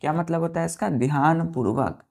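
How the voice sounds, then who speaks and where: A woman's voice: low voice, a little fast, creaky, a little mellow. A woman teaching a vocabulary lesson, addressing students as children and spelling words out letter by letter. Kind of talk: classroom lesson.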